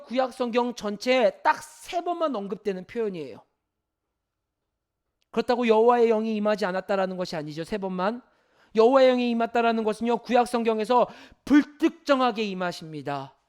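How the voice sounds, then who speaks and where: A man preaching as pastor, moving from emphatic preaching to soft, pleading prayer and putting questions to the congregation. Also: extremely high pitch, expressive, brisk. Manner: addresses the congregation directly with questions. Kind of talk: sermon. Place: church.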